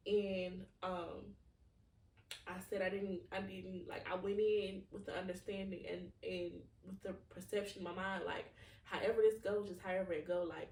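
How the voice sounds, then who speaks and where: A woman in her 20s talks through her emotions on her podcast, candid and meandering, dropping "like" again and again. Her voice is medium in pitch and darkish in tone, recorded off-mic in an echoey room.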